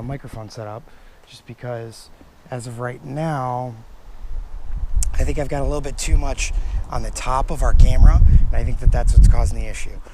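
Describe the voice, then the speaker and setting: A man with a hoarse voice that is partly lost, talking casually to camera in a rambling, apologetic way about a car project. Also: medium pitch. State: hoarse, losing his voice. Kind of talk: casual vlog talk to camera. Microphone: camera-mounted microphone. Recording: noisy ambient camera microphone recording.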